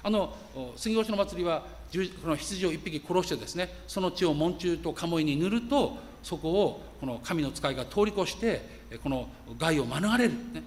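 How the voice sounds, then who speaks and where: A man's voice: on the high side, expressive, normal speed, few pauses, big-room sound, slight background noise. A man preaching a sermon as pastor, emphatic and reading scripture aloud.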